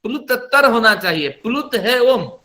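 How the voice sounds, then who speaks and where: A middle-aged man teaches Sanskrit pronunciation for Vedic chanting in a spoken lesson, going step by step and demonstrating long vowels. His voice is very high-pitched, bright and forceful, expressive yet unhurried.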